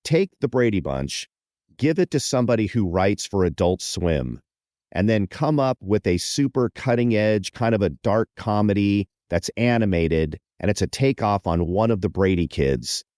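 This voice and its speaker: A man co-hosting a podcast in casual chat, playful and animated, slipping into quick mock voices. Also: fairly low pitch, no room sound, clean studio sound. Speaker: podcast co-host.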